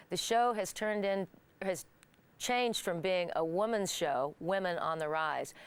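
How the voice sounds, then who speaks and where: Middle-aged Midwestern woman host, low-ish smooth voice, careful clear delivery. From Kansas, United States. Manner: clear, deliberate speech for learners. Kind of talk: monologue to camera.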